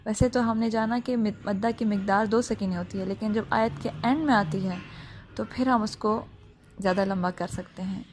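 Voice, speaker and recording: Female tajweed teacher, mid-pitched, patient and methodical, checks the listener often, light background noise. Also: fairly even intonation. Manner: slow drawn-out recitation, then plain step-by-step explaining. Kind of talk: Quran recitation lesson.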